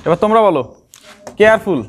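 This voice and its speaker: Male teacher, high-pitched, patient step-by-step grammar explainer. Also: fast, slight background noise. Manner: explains step by step, repeats key terms and quizzes the viewer. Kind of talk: classroom-style grammar lesson.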